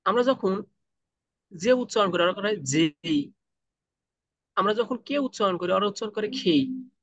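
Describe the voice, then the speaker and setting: A man leads an online training class, asking his students questions and then answering them himself. He slows right down for deliberate English phrases. His voice comes through dull, dry call audio. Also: high voice, fairly bright tone, no echo. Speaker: freelancing trainer. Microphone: video call.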